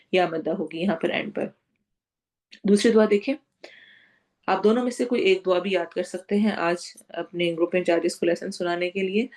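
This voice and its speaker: A woman with a lowish, darkish voice gives a Quran lesson covering tajweed and translation, speaking slowly and carefully. She explains word by word, draws out the recited words, and mixes English terms into her Urdu.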